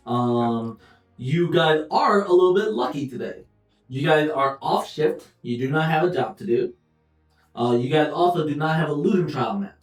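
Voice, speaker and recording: A man's voice: fairly high pitch, darkish tone, reverberant. Young man, game master, rambling casual narration, distant mic, faint background music. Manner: loose, rambling, with frequent "um"s and self-corrections. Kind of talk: casual recap and scene-setting for a tabletop game.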